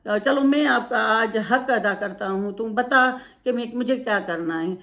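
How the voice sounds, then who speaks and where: A woman's voice: a little high, a little slow, fairly bright tone. A woman telling an earnest moral story, repeating herself often and using many fillers. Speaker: devotional storyteller.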